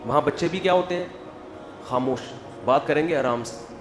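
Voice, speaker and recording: Animated male preacher in an echoey hall. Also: fairly high pitch. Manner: animated, acts out quoted voices, builds to loud emphasis. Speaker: Islamic preacher. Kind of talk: humorous religious talk. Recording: echoey hall with faint music.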